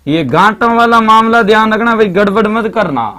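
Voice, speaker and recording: A man's voice: high voice, animated, moderate pace, pushed and bright. A male teacher with a Marwari accent giving a live online grammar lesson, chatty and repetitive, constantly reminding students to pay attention.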